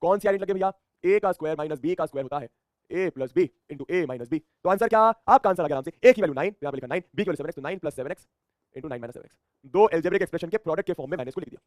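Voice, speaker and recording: A man races through a math lesson, asking questions and answering them himself. His voice sits high for a man. The sound is close and dry, with no room around it. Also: rapid-fire, no echo. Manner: energetic, repeats phrases, asks and answers his own questions. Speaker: math teacher.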